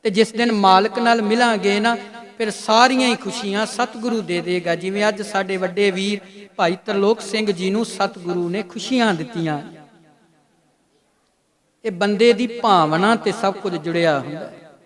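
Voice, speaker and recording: High-pitched male preacher giving a live sermon over crowd noise, drops into slow chanting cadence for scripture. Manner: slows into a chanting cadence for verses. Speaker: Sikh preacher. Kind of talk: religious discourse with recited scripture. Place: Sikh gathering before a congregation.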